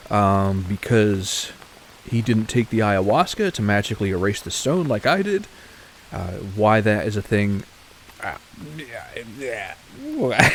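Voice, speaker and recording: A man's voice: lowish voice, a little hiss or hum. A man casually commenting on his survival game play for viewers, chatty and often correcting himself. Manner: chatty, self-correcting, talks to viewers while playing. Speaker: gaming channel host.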